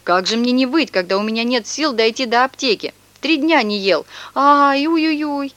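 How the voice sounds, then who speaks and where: A woman's voice: fairly high pitch, animated, brisk, a bit bright, dry recording, muffled recording, voice pushed up. A woman reading aloud and voicing a tall young male swindler who sobs, wails and talks in slang, in a storybook reading. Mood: wailing. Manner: theatrical sobbing and wailing, slangy.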